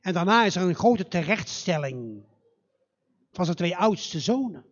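Slow, animated male storyteller. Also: high voice, muffled recording. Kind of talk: live fairy-tale telling. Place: church.

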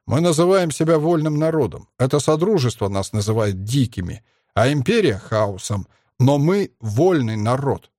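A man voicing a calm, cunning male alien star dog, speaking in a measured, lecturing way in an audiobook. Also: mid-range voice, no echo, studio quality. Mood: composed. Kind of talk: audiobook character reading.

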